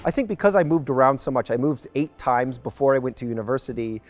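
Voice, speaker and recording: A man's voice: medium pitch, expressive, fast talker, faint music behind. A man with an American accent, giving conversational interview answers as a club owner and investor guest. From United States, New Mexico.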